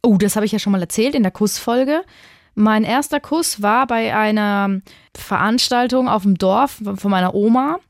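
A woman's voice: mid-range voice, moderate pace, dry recording, studio quality. A woman in her thirties co-hosting a casual podcast chat, telling candid stories with laughter. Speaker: podcast co-host.

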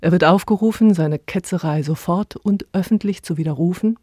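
A woman reporter reading a scripted radio feature in a measured, even way. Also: on the low side, dry recording, studio quality.

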